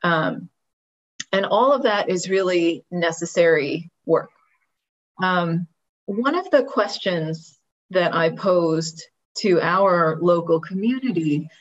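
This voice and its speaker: A woman speaking as a panelist in an online symposium, measured and thoughtful, listing ideas one after another. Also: fairly low pitch, muffled recording.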